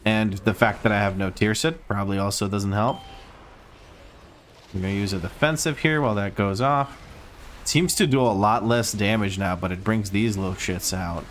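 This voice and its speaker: A man's voice: fairly low pitch, normal speed, slight background noise. A man from Croatia with a Croatian accent, casually commenting on his own gameplay on stream, chatty and self-mocking, swearing now and then.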